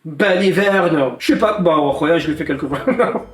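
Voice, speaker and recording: A man's voice: a little high, moderate pace. A young man telling a funny story in a casual monologue, playful and addressing the viewer directly. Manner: animated, playful, talks straight to the viewer.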